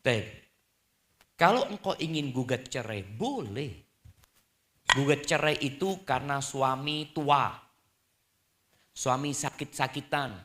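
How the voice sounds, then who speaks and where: Bright-voiced animated male preacher. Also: fairly high pitch. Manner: animated, acts out wives and husbands in quick asides. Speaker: Islamic preacher. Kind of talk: sermon answering audience questions.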